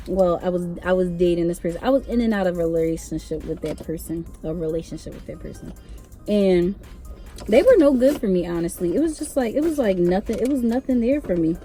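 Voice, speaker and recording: A young woman vlogger casually telling a personal story, chatty and animated with sing-song asides. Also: on the low side, fast, faint music behind. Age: young adult.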